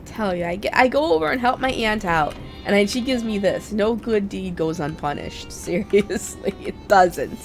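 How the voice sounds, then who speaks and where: A woman gives casual commentary as she plays a game. She sounds congested and sick, and talks bluntly with animated intonation. Soft music runs behind her. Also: mid-range voice, normal speed, few pauses. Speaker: game streamer.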